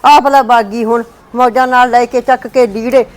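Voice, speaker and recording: A woman's voice: fairly high pitch, steady tone, moderate pace, lightly acted. A woman with a Punjabi accent playing a put-upon mother-in-law who grumbles about being overworked. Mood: complaining. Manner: plaintive, grumbling. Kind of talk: scripted family skit.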